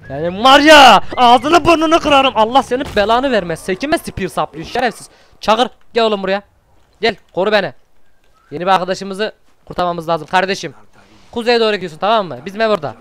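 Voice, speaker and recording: A high-pitched man gives a let's play commentary, excitable and loose with his swearing. His voice is smooth and clear. He keeps calling to and praising the wolf at his side. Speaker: gaming channel host.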